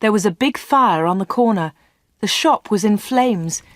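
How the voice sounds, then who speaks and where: A woman's voice: medium pitch, normal speed, no room sound. Woman reading a story aloud. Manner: clear, steady storytelling. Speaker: audiobook reader.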